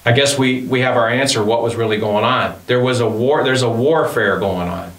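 A man in his fifties speaks in an earnest, faith-filled way, circling back and repeating phrases as he reflects on his band and his studio. His voice sits in a middle pitch. The recording carries a roomy echo from the studio around him. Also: moderate pace, a little hiss or hum. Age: 50s. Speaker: band leader and studio owner. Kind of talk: reflective documentary interview.

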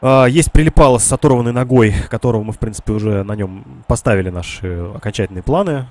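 A man with a cold, his voice stuffed-up and nasal, plays a strategy game on stream and talks through his moves casually for chat. He speaks quickly at a medium pitch, with a slightly mellow quality.

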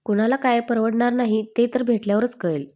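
A woman's voice: a little high, steady tone, a little fast, dark tone, natural voice. A woman voicing a sneering, taunting criminal man. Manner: mocking, taunting.

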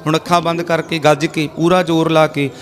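A man's voice: a little high, level tone, a little fast. A male preacher giving a storytelling sermon to a congregation. He asks them rhetorical questions and leads call-and-response chanting. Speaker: Sikh preacher leading a congregation.

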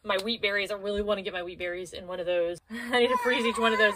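Heavy background noise surrounds this woman in her thirties as she talks fast and casually while sorting her home pantry. The prepper vlogger thinks aloud practically, her medium-pitched voice fairly even, picked up by a camera sitting on a low shelf a few feet off.

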